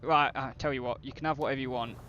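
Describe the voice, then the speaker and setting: A man's voice: medium pitch, fairly even intonation, fast, a bit bright, dull audio, a little hiss or hum. A British man doing casual, blokey, sweary game commentary as a streamer chatting with viewers. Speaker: gaming streamer.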